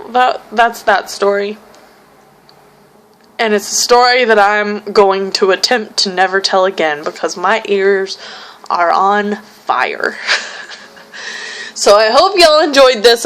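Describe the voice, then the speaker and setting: A young woman telling a frustrated story about a customer on her vlog. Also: medium pitch. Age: young adult. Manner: frustrated, animated retelling with quoted voices. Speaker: vlogger.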